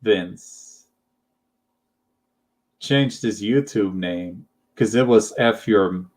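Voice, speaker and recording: A young man hosting a relaxed chat, talking slowly in a lowish voice. He rambles and hesitates, stacking up fillers and small giggles as he hunts for words. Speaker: channel host. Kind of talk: casual chat.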